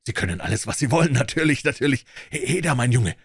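A man's voice: on the low side, normal speed, fairly bright tone, slightly rough, dry recording, studio quality. A man voicing an overjoyed old male miser, exclaiming giddily in a storybook reading. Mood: eager. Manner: exclaiming, breathless and giddy.

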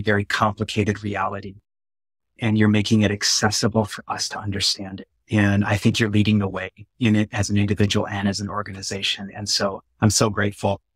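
A man in his forties hosting a virtual conversation, speaking earnestly and warmly about his work and his guest, close to a webcam in a small room. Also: on the low side, breathy edge, dry recording. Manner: earnest, heartfelt, flowing. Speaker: interviewer and peacemaking trainer. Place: small room with curtained window. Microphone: phone or webcam close up.

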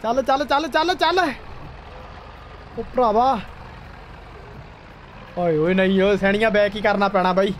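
A young man streams a game and chats casually with his friend. His voice is high and excitable, with short repeated exclamations. Faint engine and outdoor game noise sits behind him. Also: unhurried, long pauses. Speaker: gaming streamer. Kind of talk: casual gameplay commentary with a friend. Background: tractor game sounds.

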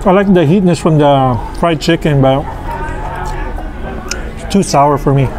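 A food vlogger in his thirties reviews restaurant food on an outdoor patio, his camera sitting on the table across from him. He speaks slowly and casually, relaxed and halting with lots of fillers. His voice is a little high.

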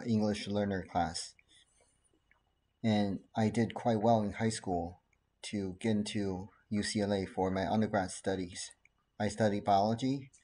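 A man in his forties, originally from Taiwan, talking calmly and earnestly to his laptop webcam from his living room, with frequent fillers. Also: fairly low pitch. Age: 40s. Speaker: pediatrician. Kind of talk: casual talk to camera.

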